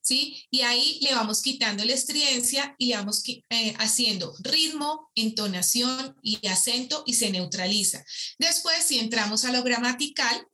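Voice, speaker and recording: A woman's voice: on the high side, expressive, normal speed, sharp tone. A woman, a voice and speech coach answering interview questions and demonstrating vocal exercises aloud.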